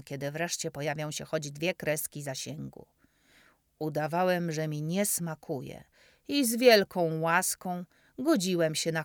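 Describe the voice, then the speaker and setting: A woman narrating a children's story in the first person, expressive, sometimes dropping into soft whispers. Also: low voice, no room sound, clean studio sound.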